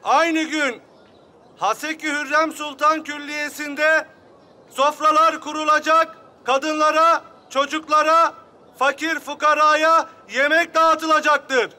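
Town crier in Ottoman period drama: very high forceful voice, slow formal public proclamation. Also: fairly even intonation, full character voice. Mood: proclaiming. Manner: loud, drawn-out, formal public calling.

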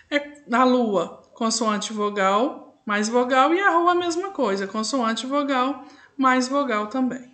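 Woman teacher dictating slowly. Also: high-pitched, fairly bright tone. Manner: slow, drawn-out dictation with frequent "tá?" and "né?" checks. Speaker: primary school teacher. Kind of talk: recorded remote class correcting exercises.

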